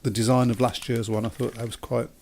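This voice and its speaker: Relaxed hesitant male podcast host. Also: mid-range voice, quick pace, vocal fry. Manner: relaxed, hesitant with many ums. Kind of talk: casual chat.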